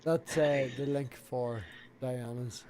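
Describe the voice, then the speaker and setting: A man's voice: medium pitch, fairly even intonation, slow, dark tone, slight background noise. A man with an Irish accent hosting a casual late-night chat over a video call. He rambles and swears freely.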